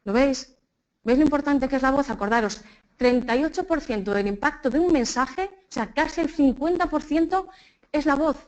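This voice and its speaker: Spanish woman trainer, quite high voice, lively talk to a room full of people, keeps asking "ok?". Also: moderate pace, highs cut off. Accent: Spain Spanish. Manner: lively, keeps checking in with the audience. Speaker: public speaking trainer. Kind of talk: live talk with audience exercises. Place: conference room with an audience.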